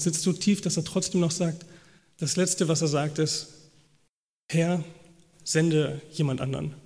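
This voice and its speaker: A man's voice: fairly high pitch, a little mellow. Preaching man in an echoing hall. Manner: acts out biblical dialogue in quoted voices. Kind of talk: sermon. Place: church hall. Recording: long reverb of a church hall.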